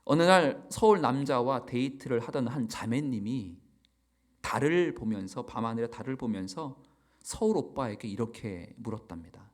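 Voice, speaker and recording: A man from Chungcheong preaching a sermon as pastor, telling stories in an animated, expressive way. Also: mid-range voice, moderate pace. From Chungcheong, South Korea.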